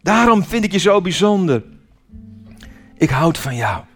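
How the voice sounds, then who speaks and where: A man voicing a kind old male woodcarver who talks in a warm, reassuring, unhurried way. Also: high voice, sing-song, faint music behind, heavily acted. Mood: tender.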